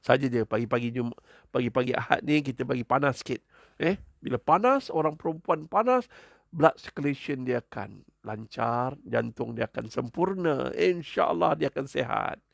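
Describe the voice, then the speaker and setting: A male preacher talks in a gravelly voice of middle pitch. He delivers a light-hearted religious talk full of jokes, animated asides and quick chuckles. The sound is dry and close. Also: dry recording.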